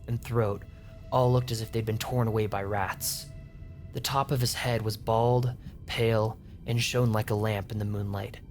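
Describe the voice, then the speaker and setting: Man narrating a horror story. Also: medium pitch. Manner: tense, measured storytelling. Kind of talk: scripted first-person narration. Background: faint music.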